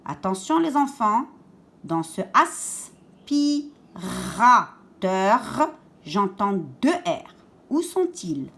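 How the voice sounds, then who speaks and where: A woman teaching young children, saying each word slowly and twice while giving step-by-step instructions. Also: mid-range voice, very animated. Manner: slow, deliberate, repeats each word twice and stresses sounds. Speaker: schoolteacher. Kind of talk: remote lesson for young children.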